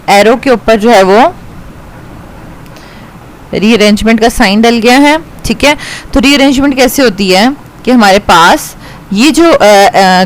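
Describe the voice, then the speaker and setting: A woman's voice: mid-range voice, rough recording. Woman chemistry teacher with a Pakistani accent. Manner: patient, repeats "ठीक है" to check understanding, mixes in English. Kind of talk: classroom lecture explaining reactions step by step.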